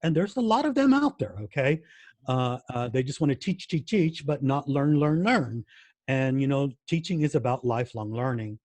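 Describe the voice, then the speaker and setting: A man's voice: mid-range voice, animated, normal speed, darkish tone, no room sound. An American man answering interview questions in a casual way, with many fillers and restarts and words repeated for emphasis. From United States. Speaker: guest language educator.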